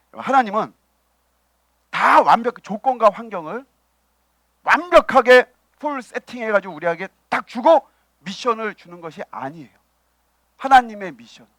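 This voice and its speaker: Animated Korean pastor preaching. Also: male voice, extremely high pitch, dry recording. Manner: preaching with rhetorical questions and acted quotes; swings from loud emphasis to quiet asides. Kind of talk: sermon. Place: church.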